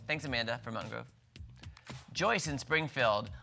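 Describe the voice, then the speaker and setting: A man's voice: mid-range voice, moderate pace, vocal fry, bright, forceful tone, soft background music. A man co-hosting a live TV morning show, chatty and playful, breaking into little sung bits. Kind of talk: casual TV morning show chat. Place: TV studio.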